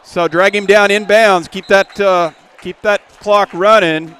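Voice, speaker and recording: A man doing play-by-play of a high school football game from a stadium press box, folksy and relaxed. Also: unhurried, smooth. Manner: folksy, relaxed, rises when a play starts. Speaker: play-by-play announcer.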